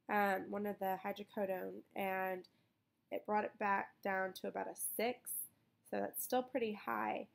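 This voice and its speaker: Young woman chatting casually, slightly creaky voice. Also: mid-range voice. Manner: rambling, informal, with frequent "like" asides. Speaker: vlogger recovering from surgery. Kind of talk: casual chat vlog.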